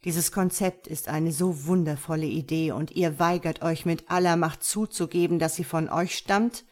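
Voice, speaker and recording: A sardonic male stone angel, as a woman reads him in an audiobook, lecturing with lofty scorn and pointed rhetorical questions. The voice sits low and pushes a little louder than the narration. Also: steady tone, normal speed, close to an everyday voice. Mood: scornful. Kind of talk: audiobook character reading.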